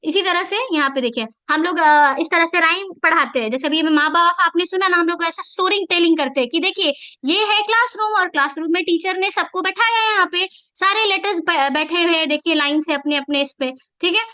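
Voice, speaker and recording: Teacher, woman, very high bright voice, checks in often. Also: a little fast. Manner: chanting syllables in singsong rhymes; explaining with frequent "theek hai" checks. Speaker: Quran teacher. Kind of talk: teacher training workshop lesson.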